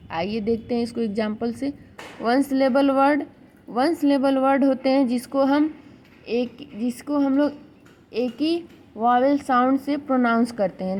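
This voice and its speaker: A woman teaching grammar in an exam-prep video lecture, speaking slowly, sounding out syllables one by one and restarting words as she corrects herself. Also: sits high, a little mellow, a little hiss or hum, rough recording. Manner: slow, explanatory, repeats words while correcting herself.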